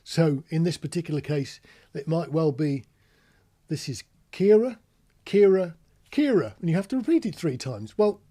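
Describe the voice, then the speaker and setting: A British man with a slightly high, lively voice and a warm tone talks at a moderate pace as a podcast host or radio instructor. His informal teaching monologue is chatty, working through examples, spelling out words, and throwing in rhetorical tag questions.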